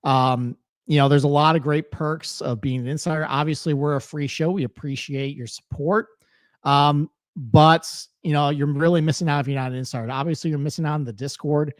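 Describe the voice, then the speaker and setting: A man's voice: a little high, fairly even intonation, a little fast, no room sound. Chatty man with a dry close sound. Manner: chatty, laughs easily, loose pacing with fillers. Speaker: podcast co-host. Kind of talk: casual podcast chat.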